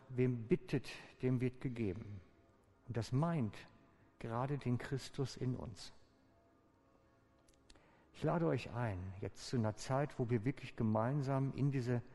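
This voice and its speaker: A male pastor with a medium-pitched, gravelly, mellow voice delivers a sermon in a calm, inviting manner, slowing down and pausing on purpose. His words echo with a long reverb through a large church hall.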